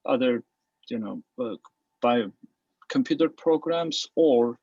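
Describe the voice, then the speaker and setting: A man from Armenia asks a question on a video call, pausing often to search for words. His voice is gravelly and husky, and his pace is very slow. The sound is dull and dry. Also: mid-range voice, dry recording. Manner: hesitant, with many fillers and searches for words. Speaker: participant asking questions. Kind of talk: questions in an online Q&A.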